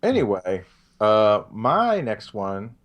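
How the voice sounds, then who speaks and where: A man co-hosting a casual film chat, jokey and animated, laughing often. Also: fairly low pitch, takes it slowly, muffled recording. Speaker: podcast co-host.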